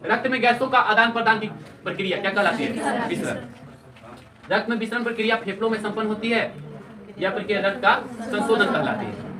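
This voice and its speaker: A man's voice: sits high, brisk, a crowd in the background. A male teacher giving a classroom lecture, constantly quizzing his students and repeating their answers. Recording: echoey classroom, distant mic, students heard.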